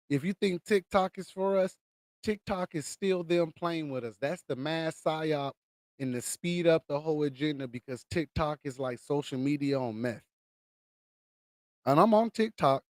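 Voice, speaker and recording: American man, high voice, livestream host, impassioned late-night conspiracy ranting, indignant and emphatic, repeated phrases, dry sound. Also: unhurried, pauses often, dry recording.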